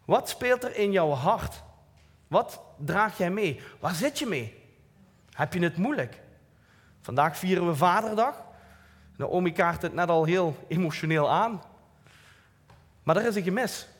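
A man's voice: sits high, lively intonation, unhurried, long pauses. A man with a Limburg Dutch accent giving an informal, earnest church talk, plain-spoken with light self-mocking asides. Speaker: lay preacher. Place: church hall. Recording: long hall reverb.

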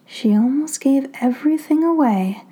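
A woman's voice: sits high, animated, moderate pace, dark tone, voice pushed up. Woman whispering as a callous female fox spirit. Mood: cool mockery. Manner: cool, mocking. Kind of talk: whispered role-play.

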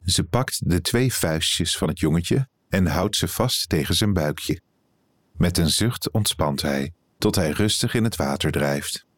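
Deep-voiced man calmly reading a report. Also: measured pace, dry recording. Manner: calm, even reading of a reportage. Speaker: editor-in-chief reading an article aloud. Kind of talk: scripted narration.

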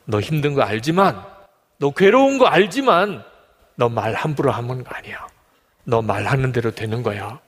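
Stern fatherly god voice, man in a sermon doing it, slow and low-toned, echo trailing in a big hall. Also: expressive, lightly acted. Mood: stern warning.

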